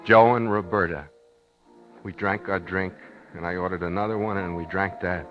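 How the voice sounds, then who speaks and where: An actor in a 1950s radio drama plays a plainspoken, anxious, guilt-ridden man, narrating in the first person with folksy, wistful storytelling. His deep voice has fairly even intonation, a moderate pace, and a lightly acted feel. The recording is muffled, in 1950s radio style, with music.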